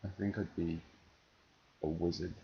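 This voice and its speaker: Man, softened northern English accent, deep gravelly voice, hesitant deadpan delivery, casual, muffled noisy recording. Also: a little slow. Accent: English, London-softened with slight northern touches. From northern England. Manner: hesitant, dry, deadpan humour. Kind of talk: casual answers to an accent questionnaire. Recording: dull, noisy home recording.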